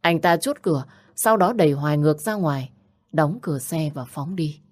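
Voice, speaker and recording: A woman narrating an audiobook story in an even, measured reading voice. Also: low-pitched, no room sound.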